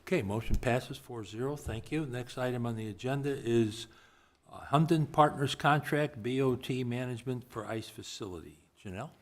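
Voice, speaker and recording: A man presiding over a formal commission meeting, moving through procedure in a brisk, businesslike manner. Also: medium pitch.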